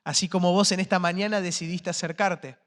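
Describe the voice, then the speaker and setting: High-voiced preacher in a church. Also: male voice, fairly even intonation, brisk. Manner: impassioned, rising to shouts then dropping to quiet. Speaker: pastor. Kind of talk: sermon. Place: church sanctuary. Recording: long church reverb.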